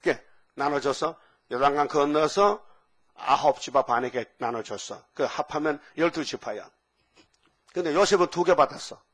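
A man delivering a sermon with a fairly high voice. He tells Bible stories in an animated way and slips into acted voices for the characters. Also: normal speed. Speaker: preacher.

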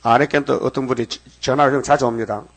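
Gravelly older man preaching a sermon. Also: mid-range voice, steady tone, fast talker. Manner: emphatic, folksy, with rhetorical asides.

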